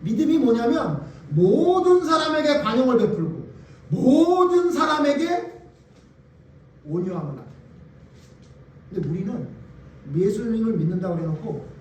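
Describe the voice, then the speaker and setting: A man's voice: very high-pitched, very animated, normal speed, long pauses, a little mellow. A male pastor preaching a sermon, emphatic, firing rhetorical questions at the congregation. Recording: very echoey hall, voice from far off.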